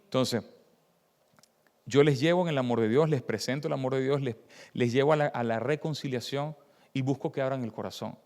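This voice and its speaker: A man giving a workshop sermon and telling a story with animated delivery, his voice moving between loud cries and quiet, stressed words. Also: medium pitch, fairly quick. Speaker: preacher leading a church workshop. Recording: long hall reverb.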